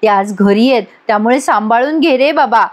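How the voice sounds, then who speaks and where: A woman's voice: fairly high pitch, moderate pace, close to an everyday voice. A woman voicing an earnest young female student, polite and apologetic.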